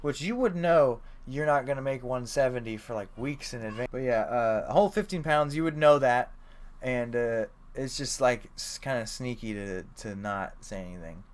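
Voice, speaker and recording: A young man talking through recent fights on a podcast in a loose, rambling way. He fills gaps with "uh" and "like" and swears offhandedly. His voice sits at an ordinary middle pitch. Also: normal speed. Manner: rambling, filler-heavy, swears casually. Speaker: podcast co-host. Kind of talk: casual sports chat.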